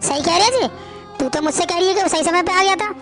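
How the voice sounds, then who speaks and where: A woman's voice: very high voice, quick pace, a bit bright. Lady voicing a strict old cartoon saas, scolding, faint music behind. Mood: stern. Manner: stern and reproachful. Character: stern older mother-in-law, prying and scolding.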